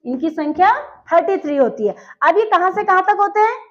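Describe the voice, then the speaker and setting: A woman's voice: very high voice, lively intonation, fairly quick. A woman teacher giving a grammar lesson, asking her class questions and answering them herself. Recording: dull lo-fi sound.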